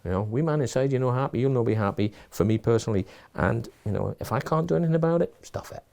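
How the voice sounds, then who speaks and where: A man's voice: mid-range voice, lively intonation, fast, gravelly, darkish tone. A middle-aged man, a college leader giving thoughtful advice in a casual interview, often restarting and repeating words. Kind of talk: reflective casual conversation.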